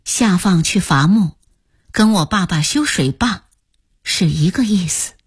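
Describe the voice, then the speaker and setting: Woman audiobook narrator, unhurried, husky and airy, lively pitch, close dry recording. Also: dry recording. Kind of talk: scripted novel narration.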